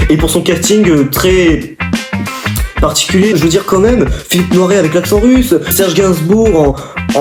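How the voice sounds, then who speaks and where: Rambling, improvising young-sounding man. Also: high voice. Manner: rambling, with fillers and self-corrections. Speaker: video host. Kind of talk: improvised film-genre video. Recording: echoey room with music behind.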